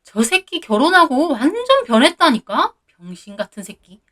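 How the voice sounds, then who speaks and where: A woman voicing a rude, angry middle-aged brother-in-law who shouts and blames others. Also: fairly high pitch, sing-song, normal speed. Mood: angry shouting.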